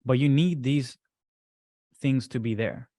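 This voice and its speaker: A man's voice: medium pitch, takes it slowly, warm tone, no room sound. A man coaching a group in a casual workshop talk. He speaks loosely, with many fillers and frequent "right?" checks. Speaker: business coach presenting to a group. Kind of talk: casual workshop presentation with screen share.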